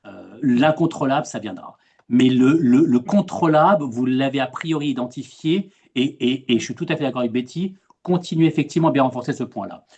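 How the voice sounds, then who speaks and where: Over a video call, an expat coach with a French accent moderates a webinar, his mid-range voice brisk and breathy, the recording muffled. He chats hesitantly, repeats words as he goes, and emphasizes things animatedly.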